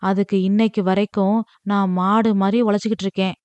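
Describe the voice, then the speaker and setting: A woman voicing a grown son who bitterly protests over the family's debts, talking fast and exasperated. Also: medium pitch, little pitch movement, a little mellow, clean tone, no echo, natural voice.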